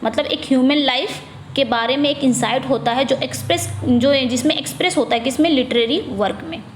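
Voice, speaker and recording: High-voiced Indian woman tutoring in an echoey room. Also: slight background noise. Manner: asks and answers her own questions; reads questions slowly, drops low on answers. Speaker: English exam tutor. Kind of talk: exam-prep lesson in Hindi-English mix.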